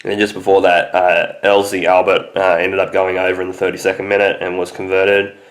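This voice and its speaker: A man's voice: deep voice, completely flat delivery, fairly quick. A young man with a nasal, stuffy voice from a cold, hosting a rambling casual sports recap full of ums. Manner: rambling, heavy on fillers like um and obviously. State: sick with a cold, stuffy nose. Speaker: sports podcast host.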